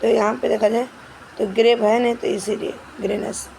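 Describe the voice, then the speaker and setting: Lady teacher doing exam grammar in hindi, fairly high voice, bit of fry, faint hiss behind. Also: level tone, darkish tone, rough recording. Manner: explains step by step, repeats "ठीक है" often; reads English questions slowly and carefully. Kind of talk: Hindi grammar lesson with English terms.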